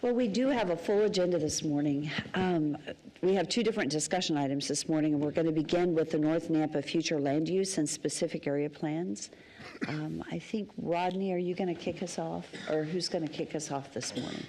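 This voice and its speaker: Woman, mayor running a council meeting, lowish voice, brisk and casual, faint room noise. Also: mellow. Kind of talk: chairing a public meeting.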